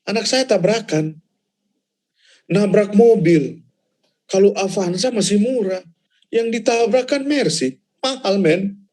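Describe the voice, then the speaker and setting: A man, a pastor, telling a personal testimony in casual chat, animated and laughing as he goes, repeating words for emphasis. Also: high voice, slow, long pauses. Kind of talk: casual testimony in a church talk.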